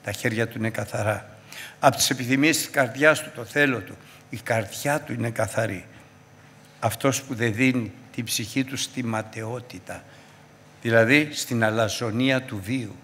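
A man preaching a Sunday sermon, fervent, swinging between loud exhortation and hushed asides. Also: mid-range voice, big-room sound.

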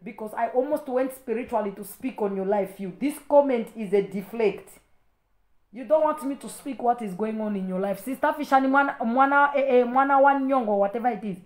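A woman's voice: on the high side, brisk, warm tone, roomy sound. A young adult woman preacher on a livestream, fiercely rebuking commenters in heated, repetitive bursts. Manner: fiery, scolding, rebuking; repeats and stumbles in heated bursts. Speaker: preacher and ministry leader.

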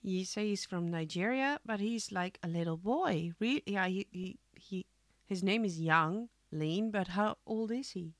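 A woman co-hosting a casual reaction video with her son, chatty and earnest, often pausing on fillers. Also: mid-range voice, no echo, studio quality. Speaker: co-host, the host's mother.

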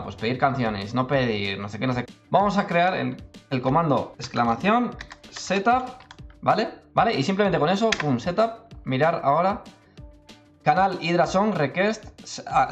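Chatty man with faint music. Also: medium pitch. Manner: chatty, self-interrupting, many "¿vale?". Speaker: tutorial youtuber. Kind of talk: casual screen-recorded tutorial.

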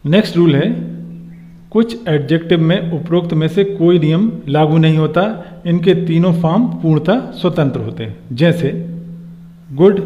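Hindi-speaking man teaching grammar, reverberant. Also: fairly high pitch. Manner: asks rhetorical questions, spells out letters slowly. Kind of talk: lesson. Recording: dull lo-fi sound with long reverb.

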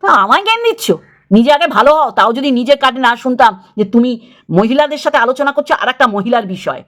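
A woman's voice: a little high, fast. A middle-aged woman, scolding another creator in an angry video rant, repeating her points. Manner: scolding, confrontational, repeats phrases. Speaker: YouTube creator.

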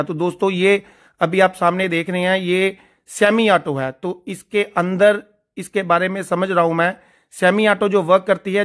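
A gun shop vlogger with a high, somewhat bright voice narrates a casual video as he tours a large factory floor. He talks eagerly and enthusiastically, addressing his viewers like friends.

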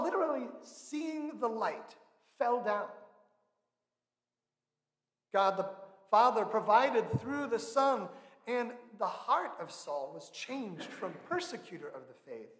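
Man, 30s, pastor, sermon, high-pitched, earnest and measured, roomy church reverb. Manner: measured, earnest preaching with slow emphatic stresses. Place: large church sanctuary, indoors. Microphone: pulpit microphone. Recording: echoey church with long reverb.

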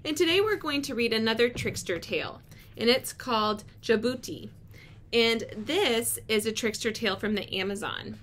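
A woman's voice: on the high side, lively intonation, normal speed, fairly bright tone. A young adult woman, a teacher, explaining and reading a picture book aloud to children in a small room. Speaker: elementary school teacher. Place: small indoor room with block walls. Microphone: device microphone at arm's length. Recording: clear room noise, device microphone.

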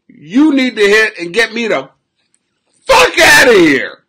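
A man in his forties rants loudly in a rambling comedy live stream from a small room at home, captured by a webcam at his desk. His high-pitched, husky voice is crude and full of laughter, swinging from shouting to mumbling.

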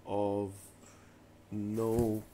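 A man's voice: on the low side, completely flat delivery, very slow, heavy background noise. A man vlogging in a casual, playful way, teasing and joking with a child indoors. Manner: teasing and joking, laughs often. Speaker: YouTube vlogger filming with a child. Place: indoors in a messy room.

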